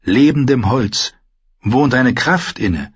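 A man voicing a calm, quietly mysterious young man in an audiobook, speaking slowly and solemnly. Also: mid-range voice, slightly rough, lo-fi sound, voice pushed up, full character voice.

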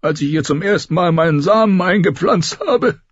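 A man voicing a crotchety, spiteful lord of ninety with a high, cracked cackle, in an audiobook reading. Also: big pitch swings, takes it slowly, creaky, breathy edge, dry recording, highs cut off, exaggerated voice. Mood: scornful. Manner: scornful, barking.

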